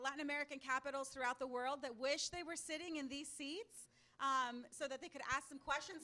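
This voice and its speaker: A Mexican woman in her forties, with a high-sitting voice, moderates a panel from a table in an event hall. She addresses a student audience through a handheld or table microphone, sounding loud, upbeat and confident.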